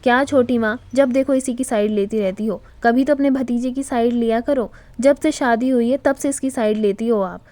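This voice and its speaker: A woman's voice: on the high side, moderate pace, hardly any pauses, warm tone, no room sound, lightly acted. A woman voicing a playful middle-aged son-in-law who teases his mother-in-law in her own voice. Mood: cheeky banter. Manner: cheeky, bantering.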